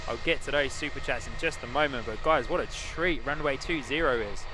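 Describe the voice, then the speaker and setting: A man's voice: mid-range voice, fairly quick. A man with a New Zealand accent gives effusive, casual live commentary to his stream viewers as an enthusiastic plane-spotting host. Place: outdoors beside an airport. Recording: noisy outdoor airfield, aircraft ambience. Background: aircraft and outdoor ambient noise.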